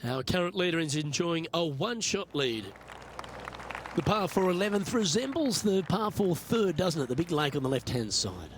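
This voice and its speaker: Male golf commentator, fairly high voice, calling play with restraint over an audible crowd. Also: big pitch swings, normal speed. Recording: crowd and outdoor noise behind voice. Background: crowd and outdoor ambience.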